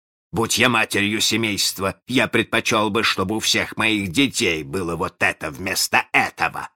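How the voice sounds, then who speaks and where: A man's voice: fairly low pitch, moderate pace, sharp tone. A man voicing a menacing, proud and hot-tempered male pirate captain in a storybook reading, speaking passionately with barking outbursts. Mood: bitter.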